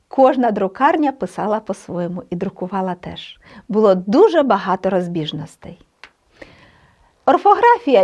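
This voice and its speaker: A woman teaching a language lesson online, explaining patiently and sounding out letters and words clearly. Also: a little high, a little mellow, dull audio.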